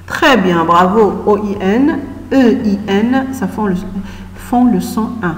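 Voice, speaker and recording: Slow, echoey woman teacher drilling syllables. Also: medium pitch. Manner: slow, syllable-by-syllable, frequent praise. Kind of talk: reading lesson for young children. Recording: echoey room with long reverb.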